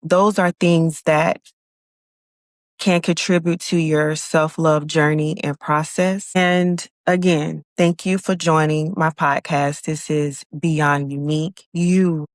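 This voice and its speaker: Female solo podcast host, low voice, unhurried, calm and encouraging, dry close sound. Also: no room sound. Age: adult with children. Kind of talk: solo motivational podcast talk.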